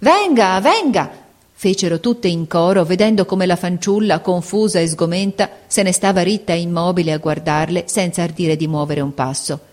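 A woman narrating a novel aloud in a calm, measured reading voice. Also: fairly low pitch. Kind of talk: scripted audiobook narration.

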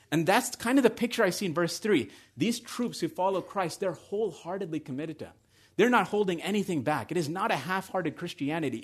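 A man preaching a sermon in a conversational way that builds to excited emphasis. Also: a little high, husky.

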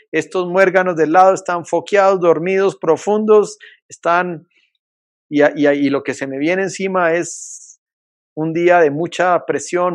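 A man's voice: a little high, dry recording, studio quality, lightly acted. A man preaching who voices an anguished man praying alone, sad and weighed down, in a plain conversational way.

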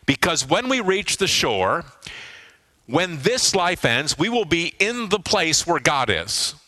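A pastor delivers a sermon in a bright, forceful voice that sits a little high for a man. He is middle-aged and leans into pauses, letting key words fall low for emphasis. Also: sing-song. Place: church hall with congregation.

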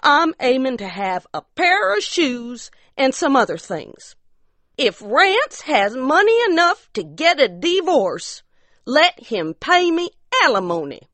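A woman's voice: high voice, sing-song, slow pace, a bit bright, no room sound, pitched above the performer's own voice, full character voice. A woman voicing a poor barefoot mountain wife who insists on her rights, in plain rustic backwoods speech. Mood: insistent.

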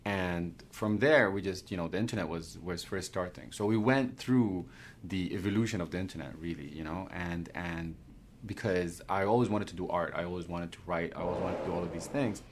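Male guest from Sudan, very low voice, halting and repetitive, faint background noise. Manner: repeats words while thinking, many "you know"s. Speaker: guest cartoonist. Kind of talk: conversational interview answers.

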